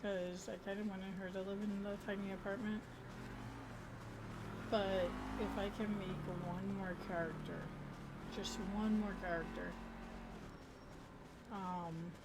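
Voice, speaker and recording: Woman game streamer, slightly low pitch, informal rambling storytelling, noticeably noisy recording. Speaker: game streamer narrating roleplay character's story. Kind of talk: casual gameplay storytelling.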